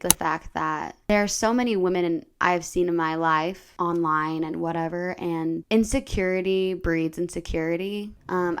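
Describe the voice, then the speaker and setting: A woman's voice: fairly low pitch, clean tone. A young woman vlogger talking casually to camera, chatty and earnest, with lots of filler words.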